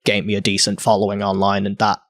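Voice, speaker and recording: A young man from Hong Kong, a guest artist in a casual interview, talking haltingly with many fillers and restarts. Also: lowish voice, monotone, fairly bright tone, no room sound, studio quality.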